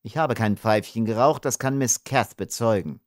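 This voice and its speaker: A man's voice: fairly low pitch, normal speed, dry recording, studio quality, lightly acted. A man reading an audiobook, voicing a young ranger who holds back his anger with tense restraint. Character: young blond male ranger, barely controlled anger.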